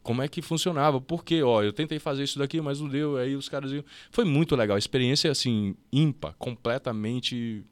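A Brazilian man telling his story as a podcast guest, lively and quick, with fast restarts and acted-out bits of dialogue. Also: medium pitch, dry recording. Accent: Brazilian Portuguese. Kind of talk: casual storytelling interview.

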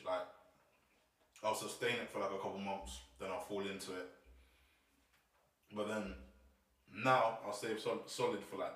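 Casting: young male podcast co-host, deepish London roadman voice, slangy, repeats himself, distant in a very echoey room. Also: a bit bright. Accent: London roadman, multicultural London English. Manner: repeats phrases for emphasis. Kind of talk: casual podcast banter in street slang.

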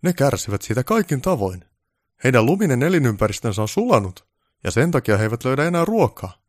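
A man's voice: mid-range voice, sing-song, dry recording, clean studio sound, pitched above the performer's own voice. A man voicing a pompous, snobbish male film director who barks orders in a haughty, raised voice.

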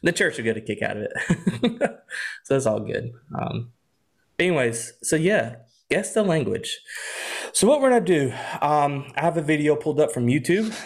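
This podcast co-host is a young man with a slightly high, gravelly voice whose pitch swings widely at a normal speed. Chatty and quick to laugh, he keeps dropping "like" as filler throughout the casual conversation.

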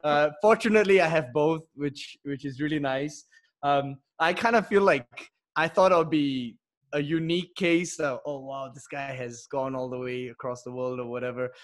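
A man's voice: a little high, normal speed. A man who grew up in India and Singapore, a podcast guest talking fluently and laughing easily. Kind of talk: casual podcast chat.

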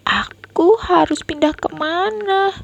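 A woman's voice: extremely high pitch, takes it slowly, creaky, a little mellow, pitched above the performer's own voice, heavily acted. A woman voicing a frightened little child in a storybook reading, squealing for help and hiccuping between cries.

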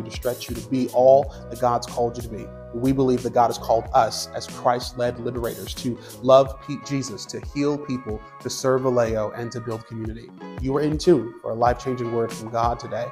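A man reads a scripted church broadcast intro at a fast clip, smooth and steady. His pitch barely moves, and a clear music bed plays beneath him. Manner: smooth even promo read.

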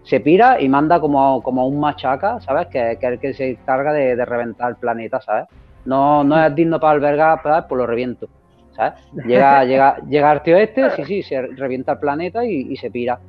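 A man chats excitedly as a podcast host, rambling and circling back on himself. His voice sits at an ordinary middle pitch. The recording sounds dull and lo-fi, with faint music underneath. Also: normal speed. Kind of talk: casual chat.

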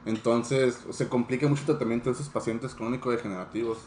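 A young Mexican man, a student, talks casually in a slangy, thoughtful way. His pitch is average, and a faint hiss sits under his voice. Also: steady tone, fast talker, a little mellow. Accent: Mexican Spanish. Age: young adult. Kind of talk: casual podcast discussion.

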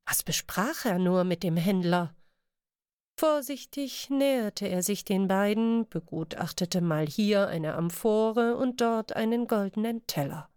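Slow, dry-voiced woman narrating. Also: medium pitch, smooth, dry recording. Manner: measured, expressive reading. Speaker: audiobook narrator. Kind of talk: scripted fantasy audiobook narration.

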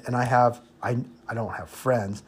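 An American expat, native in English, hosts a casual podcast monologue at normal speed with a steady tone. His mid-range voice is slightly rough, and his advice comes across blunt and opinionated, with points repeated for emphasis.

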